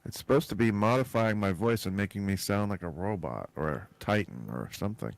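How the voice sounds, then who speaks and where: A man's voice: fairly low pitch, expressive, fairly quick, vocal fry, no echo. A man who streams cooking, giving brief laid-back replies in a casual voice chat.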